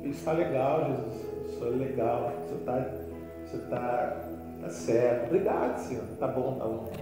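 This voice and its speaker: A man pastor preaching a sermon, telling folksy humorous stories and swinging between loud emphasis and quiet asides. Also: mid-range voice, moderate pace. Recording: echoey hall with faint music.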